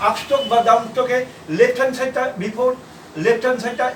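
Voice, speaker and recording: A man from India teaching a shorthand class, explaining slowly and repeating himself, letter by letter. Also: very high voice, little pitch movement, slight background noise. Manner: repetitive, halting, spells out letters. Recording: echoey room from far off.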